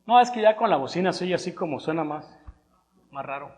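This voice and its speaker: A man's voice: a little high, expressive, brisk. A man with a southern Mexican Spanish accent, preaching a sermon in a conversational, rambling way, repeating his words. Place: church hall. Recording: long reverb in a church hall, through a loudspeaker.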